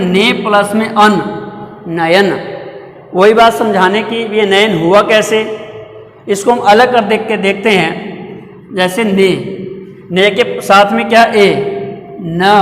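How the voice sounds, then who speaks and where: A man's voice: high voice, a bit bright. A man teaching a Hindi grammar lesson in a classroom, patiently asking questions and answering them himself. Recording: echoey room with long reverb.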